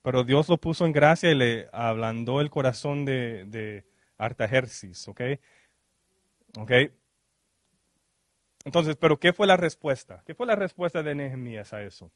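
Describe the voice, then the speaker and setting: A man's voice: medium pitch, expressive, no echo, clean studio sound. A male minister preaching a sermon, who keeps checking in with the congregation and slips English fillers into his speech. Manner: peppers speech with quick "ok?" checks and questions to the congregation; mixes English fillers into Spanish. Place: church service.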